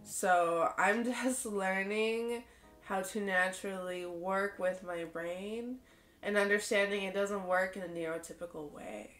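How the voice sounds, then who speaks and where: A vlogger in her late twenties, a little congested from a cold, talks candidly to camera in her bedroom with hanging lights. Her medium-pitched voice is earnest and expressive, slow and unhurried, with frequent laughter, a roomy sound, and soft music in the background.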